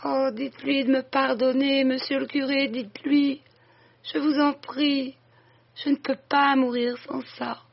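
A reader voicing an old dying woman who confesses to her sister, breathless, halting and imploring. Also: high-pitched, flat delivery, vocal fry, pitched above the performer's own voice. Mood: pleading. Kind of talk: audiobook reading. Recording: dull lo-fi recording.

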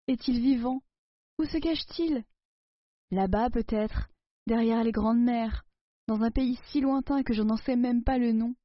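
A woman reading a story aloud and voicing a dying old mother who laments and pleads with deep grief. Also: no echo. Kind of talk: audiobook dialogue reading. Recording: dull, dry recording.

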